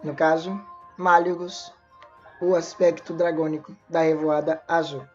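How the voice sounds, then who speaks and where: A woman with a deep voice narrates a fantasy story as a lore narrator, reading at a measured pace with a flat delivery and small slips and restarts. The lo-fi recording sounds dull, with faint music behind her.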